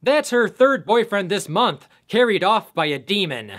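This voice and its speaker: A man's voice: sits high, big pitch swings, a little slow, heavy background noise. A man recapping a horror movie as a reviewer, with sarcastic joking asides. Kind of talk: comedic film recap narration.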